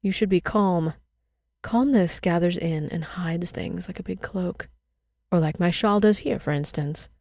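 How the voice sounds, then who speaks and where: A woman's voice: fairly low pitch, a little slow, vocal fry, a little mellow, no room sound. A woman playing a sly teasing village girl.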